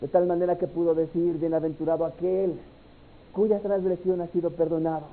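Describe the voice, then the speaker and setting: A man preaching an altar call, moving from hushed pleading to loud, impassioned cries. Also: on the high side, little pitch movement, fairly quick. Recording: tinny phone-like sound with faint music.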